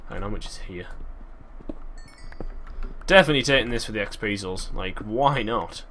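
A man giving chatty, excitable gameplay commentary, thinking aloud and breaking into sudden exclamations. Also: on the low side, normal speed, a little hiss or hum. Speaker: gaming channel host.

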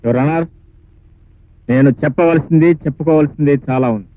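An actor playing a defiant, sarcastic witness who confesses to a killing in a film courtroom scene. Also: male voice, fairly high pitch, fairly even intonation, moderate pace, dry recording, natural voice. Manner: bold, sarcastic, rising to shouts. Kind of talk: 1980s film courtroom drama. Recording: tinny lo-fi film soundtrack with faint music.

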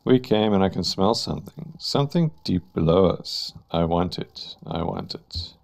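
A man's voice: low voice, lively intonation, normal speed, gravelly, a little mellow. A man voicing a greedy female performer of a demonic troupe, reading her text in a coaxing, hungry way.

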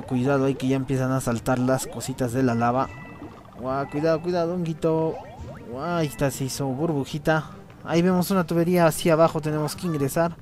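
A man doing casual let's play commentary, chatty and cheering on his co-player with quick exclamations. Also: on the high side, darkish tone.

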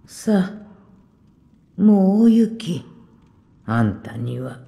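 A woman voicing a weary, blunt but kindly old village woman in a game cutscene, speaking gruffly and unhurriedly with soft whispered asides. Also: very deep voice, expressive, slow, exaggerated voice.

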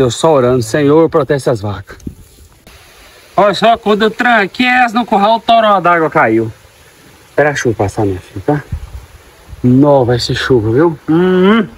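Tender farmer talking to his cows. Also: medium pitch. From Goiás, Brazil. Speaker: farmer and vlogger. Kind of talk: casual farm vlog. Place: outdoors on a farm, by a corral.

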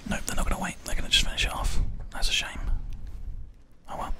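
Soothing and unhurried, this ASMR host narrates his own gameplay in a soft, breathy whisper, his mouth very near a binaural microphone. The clicking of his keyboard and mouse sounds behind him.

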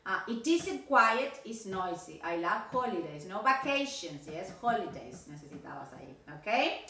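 A woman's voice: mid-range voice, big pitch swings, unhurried, a bit bright, echoey room, distant mic. A woman English teacher with an Argentine Spanish accent, giving feedback on students' videos, mixing Spanish and English and correcting pronunciation and grammar.

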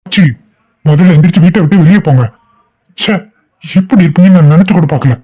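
A man's voice: high voice, fast talker, dark tone, lo-fi sound. A man voicing an indignant young cartoon husband. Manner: stern, indignant. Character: angry young husband and grandson, protective. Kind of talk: cartoon family drama voice acting.

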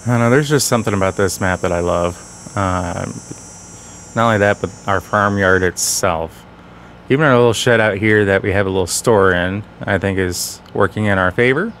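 A man's voice: fairly low pitch, moderate pace, a bit bright, a little hiss or hum. A man hosting casual game commentary, talking slightly off as he guards a sore, bitten tongue. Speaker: gaming channel host.

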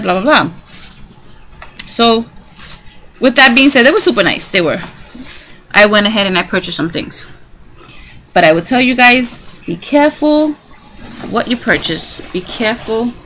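A woman talking casually on a craft haul vlog, telling a rambling, animated story about her shopping trip. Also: mid-range voice, poor audio. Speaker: craft vlogger. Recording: clicky background noise.

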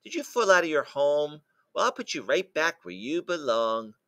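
Guy reading aloud as a naive gushy young woman from a picture book, bright edgy tone. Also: a little high, big pitch swings, moderate pace, voice pushed up. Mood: tender. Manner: gushing and sentimental. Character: cheerful, naive young woman nature lover.

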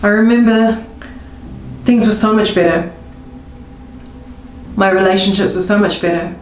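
A woman coaching viewers through a tapping session, speaking slow, emotive first-person affirmations. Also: mid-range voice, a little hiss or hum. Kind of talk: guided tapping script spoken in first person. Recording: roomy with faint music behind.

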